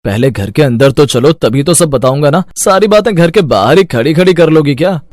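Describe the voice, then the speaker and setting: In a cartoon moral story, a man voices an earnest, dutiful fifteen-year-old son of a poor mother, eagerly explaining things in a reassuring way. His voice is a little high and a little mellow, brisk and animated, lightly acted, with a dry, studio-quality recording.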